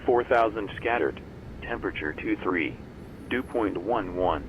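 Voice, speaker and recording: A man's voice on a recorded airport weather broadcast played over the radio, read out in measured, formal announcement phrasing. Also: lowish voice, expressive, a little hiss or hum, low-quality recording. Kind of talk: automated broadcast readout.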